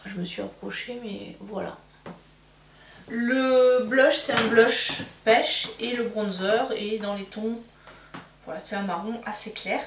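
Casting note: relaxed beauty vlogger, fairly high voice, a bit distant from the mic. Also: female voice, takes it slowly, a little hiss or hum. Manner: chatty, self-mocking, with frequent fillers. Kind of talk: casual makeup haul show-and-tell. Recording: roomy, somewhat distant mic.

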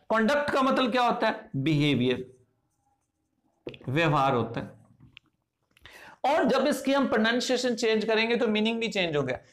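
A man with an Indian accent teaching English phonetics. He goes slowly and deliberately, asking questions and answering them himself. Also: high voice, fairly bright tone. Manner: slow, deliberate, asks and answers his own questions. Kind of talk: classroom-style lesson explanation.

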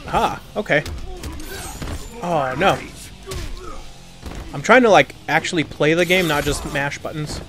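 With a fairly high pitch, this young man talks through a fighting game at a measured pace, leaving long pauses. As a let's play gamer, he reacts to each setback with groans and muttered remarks. Game music and sound effects fill the background.

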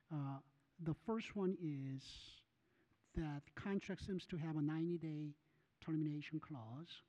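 A man's voice: fairly high pitch, mellow, long reverb tail, dull audio. A middle-aged man and school board member speaking carefully and methodically at a desk microphone in a large meeting room. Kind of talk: formal board meeting remarks. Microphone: desk gooseneck microphone.

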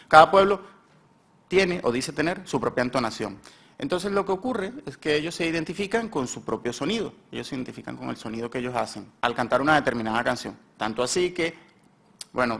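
A man's voice: medium pitch, vocal fry, fairly bright tone. A man with a Spanish accent presenting his research at a symposium in a university seminar room, hesitant and often correcting himself as he rambles. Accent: Spain Spanish. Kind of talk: conference talk.

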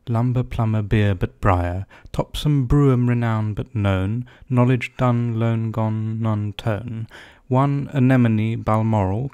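Male poetry reader, lowish pitch, deliberate careful delivery, dry close sound. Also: creaky, darkish tone, no echo. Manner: measured, deliberate word-by-word reading. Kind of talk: poetry recitation.

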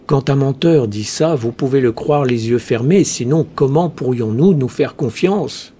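A man voicing a cheerfully cunning male heretic priest, speaking slowly in a smooth, almost chanting way. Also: mid-range voice, warm tone. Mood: sly. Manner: slow, smooth, chanting delivery.

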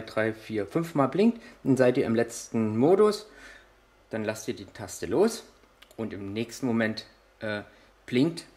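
A man's voice: medium pitch, rough recording. A man giving a hands-on tutorial on a model truck, explaining each step while he handles the parts, with frequent hesitations. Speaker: RC model reviewer.

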